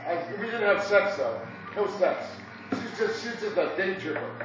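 A man's voice: sits high, animated, normal speed, noisy background. A man in his fifties from Indiana, rambling crudely through stories as a coffee shop customer and chuckling between them. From Indiana, USA. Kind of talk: rambling monologue. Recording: echoey dull distant room recording with music.

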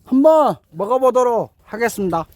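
A man's voice: very high-pitched, animated, moderate pace, a little mellow, no room sound. A man chatting casually as he narrates his own cooking and eating vlog. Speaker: mukbang vlogger.

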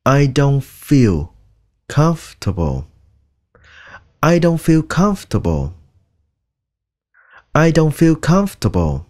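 A man teaching English pronunciation, drilling each word slowly and repeating it many times. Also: mid-range voice, warm tone. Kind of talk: slow, deliberate pronunciation lesson.

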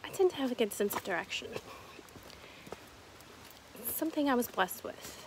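A woman's voice: fairly high pitch, expressive, normal speed, background noise. Chatty woman vlogging on a trail. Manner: chatty, self-deprecating, talking to camera while walking. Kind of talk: casual hiking vlog. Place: outdoors on a forest trail. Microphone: phone at arm's length. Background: background music.

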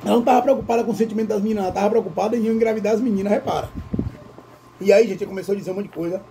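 A man who tells a story to his viewers while eating, in an animated way and often calling out to them. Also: high-pitched, very fast, gravelly, noisy background. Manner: animated, addresses viewers as "gente". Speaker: vlogger. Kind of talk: casual storytelling during a mukbang.

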